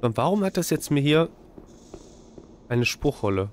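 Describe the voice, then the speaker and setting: Fairly high-pitched and very animated, this thirtysomething man speaks at a moderate pace, cracking jokes in casual, mock-exasperated gaming commentary. He sits at a desk in an indoor room, close to a boom-arm mic with a headset, while faint game ambience plays underneath.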